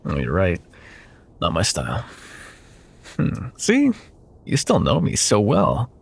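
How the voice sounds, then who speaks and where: In an ASMR audio drama, a man plays a smug, wealthy CEO ex-lover, delivering an intimate, dramatic monologue that is heavily acted. His very low, breathy voice has a gravelly creak and huge pitch swings as he drawls with silky, possessive, menacing condescension. He sounds wounded and taunting, leaving pointed pauses.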